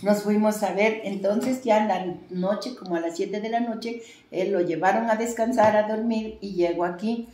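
A woman's voice: mid-range voice, steady tone, moderate pace, a little mellow. Rambling Mexican woman healer, echoey room. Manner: rambling storytelling with fillers and restarts. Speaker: traditional healer. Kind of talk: interview storytelling.

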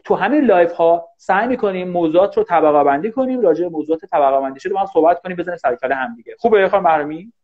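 A man teaching English in a casual live online class, talking fast and animated and often thanking viewers. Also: high voice. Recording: dull lo-fi livestream audio.

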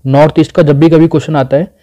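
Male tutor, quizzing and repeating drills, mellow timbre, exam-prep lesson. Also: on the high side, level tone, fast. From India. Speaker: teacher.

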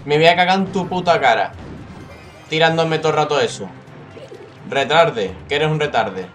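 A young man talks through a mobile strategy match, muttering plans under his breath and then yelling and cursing as the fight swings. His voice sits a little high for a man. Clear game music plays underneath him. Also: moderate pace. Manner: swears freely, shouts when excited, talks to viewers as "chavales". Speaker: gaming YouTuber. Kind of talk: live gameplay commentary.

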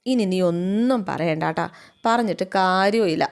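A woman's voice: mid-range voice, normal speed, clear, resonant tone, close to an everyday voice. A woman voicing an angry young husband who scolds his wife bitterly. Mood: angry, reproachful. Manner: scolding, reproachful.

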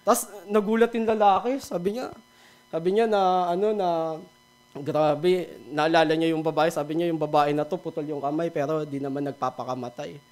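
Filipino male devotional speaker, high voice, relaxed sermon, cracks small jokes. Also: normal speed. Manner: mixes Tagalog and English, laughs at his own jokes.

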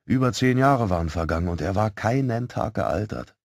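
A man narrating a first-person audiobook in a calm, measured storytelling manner. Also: lowish voice, dry recording, clean studio sound.

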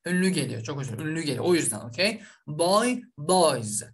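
A man's voice: fairly high pitch, expressive, rapid-fire. A man from Azerbaijan, teaching an online language lesson and drilling each word over and over, with a frequent "okay?" to check in. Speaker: English teacher.

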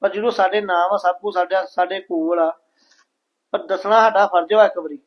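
A man playing a father who reasons calmly with his wife in a family drama. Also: high-pitched, normal speed, lo-fi sound. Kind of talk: scripted family drama acting.

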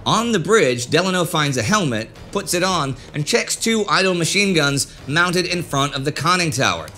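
A man in his thirties hosts a history documentary from a studio desk. He tells the story in a measured way with occasional direct asides, his voice sitting somewhat high. Soft music plays underneath. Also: expressive. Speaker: host. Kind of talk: scripted documentary narration. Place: indoor studio set with a desk.

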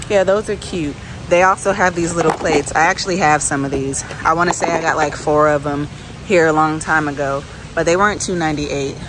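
Filming on a handheld phone inside a big supermarket, a woman who vlogs her shopping talks casually in a low voice about what she's doing. The store's background noise comes through clearly behind her.

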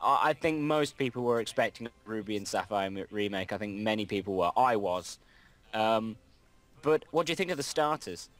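A man's voice: on the low side, lively intonation, normal speed. Rambling young man chatting over gameplay. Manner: rambling, self-correcting, reads game dialogue aloud. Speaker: let's play host. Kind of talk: casual gameplay chat.

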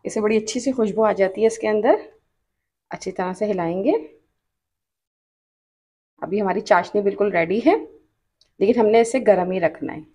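A woman's voice: medium pitch, a little mellow. Patient woman with a Pakistani Urdu accent teaching a recipe. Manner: patient, repeats each step and tip. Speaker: cooking channel host. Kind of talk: step-by-step recipe instructions. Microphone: off-camera voice over hands-only cooking shots.

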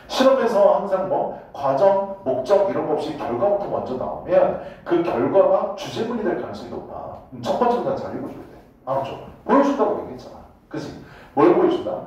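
A male teacher gives a loose, joking lecture to his class, with casual swearing and frequent checks that the students follow. His voice is a little high and very lively as it rises and falls. It is picked up from across a strongly echoing classroom. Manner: blunt, joking, swears casually, keeps asking students "got it?". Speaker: high school English teacher. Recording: echoey classroom from a distance.

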